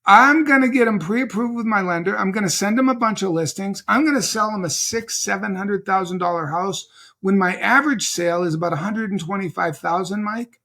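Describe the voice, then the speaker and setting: Man, 50s, high-pitched voice, animated storyteller, guest on a conversation show, acts out the quotes. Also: brisk. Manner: animated anecdote-telling, mimicking voices in quotes. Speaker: guest real estate coach. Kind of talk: casual storytelling in a podcast conversation.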